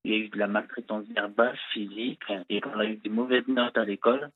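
A man calling in to a radio show over a poor phone line that keeps breaking up, talking in a halting way with many fillers. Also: lowish voice, fairly even intonation, dry recording. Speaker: radio caller. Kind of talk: phone-in conversation. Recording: tinny phone line, dry.

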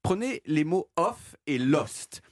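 A man's voice: a little high, big pitch swings, slow, no room sound. A man giving a playful, self-mocking radio segment into a studio mic, explaining things. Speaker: radio columnist.

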